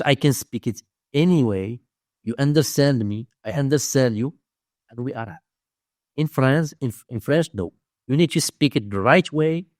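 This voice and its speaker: Here a Moroccan-accented man speaks in a mid-range voice with no room sound. As a guest teaching domain investing, he shares stories in a dry-sounding interview, his non-native English halting and repetitive.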